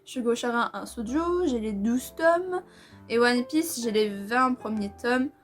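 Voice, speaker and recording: A woman's voice: a little high, animated, measured pace, soft background music. A young woman from France chatting casually and enthusiastically in a manga vlog, using a lot of slang. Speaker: manga vlogger.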